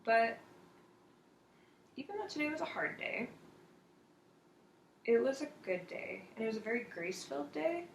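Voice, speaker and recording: A woman's voice: fairly high pitch, very animated, normal speed, gravelly, pauses often, echoey room, slight background noise, rough recording. A woman earnestly sharing a thoughtful evening prayer reflection at home. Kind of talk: casual spoken reflection. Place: home at night.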